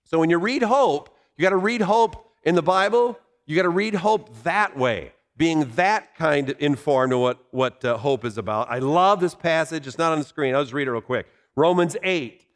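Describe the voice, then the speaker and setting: A man's voice: fairly high pitch, moderate pace. A man preaching a sermon in a conversational way, explaining Bible verses with asides and rhetorical questions. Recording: long hall reverb.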